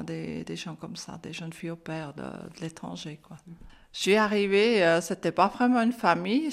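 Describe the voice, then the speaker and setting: With a low voice and vocal fry, an older interviewee from German-speaking Switzerland tells her life story conversationally in accented French. She's talkative, laughs often and leans on "hein" and "euh."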